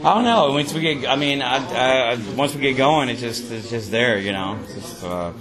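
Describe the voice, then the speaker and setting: A man, a rock musician, answering interview questions casually, halting and restarting with lots of fillers. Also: mid-range voice, animated, a crowd in the background.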